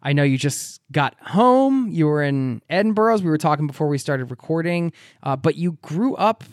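An American man hosting a travel podcast, speaking in a reflective, animated way with occasional laughs. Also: a little high, normal speed, no echo, clean studio sound. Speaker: podcast host. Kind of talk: podcast interview.

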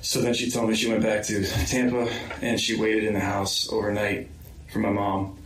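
A man in a recorded interview, slowly and hesitantly recounting events, with many pauses and ums. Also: on the low side, monotone, slight background noise. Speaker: interviewee, victim's son. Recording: roomy far-off interview mic.

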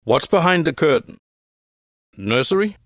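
An actor playing a serious police reporter in a period drama, measured and courteous. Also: male voice, on the high side, expressive, dry recording, clean studio sound. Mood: probing.

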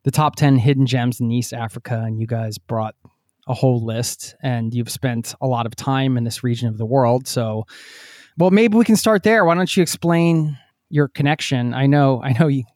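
A man hosting a travel podcast, friendly and quick to laugh. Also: mid-range voice, a little mellow, no room sound, studio quality. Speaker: podcast host.

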